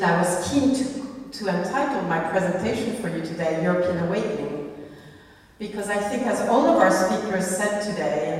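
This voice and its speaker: A woman professor giving a formal public talk in a deliberate, emphatic way, her voice husky from a cold. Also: medium pitch. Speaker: professor, guest speaker. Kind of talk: formal lecture, public speech. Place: large reverberant lecture hall. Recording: very echoey hall, far from mic.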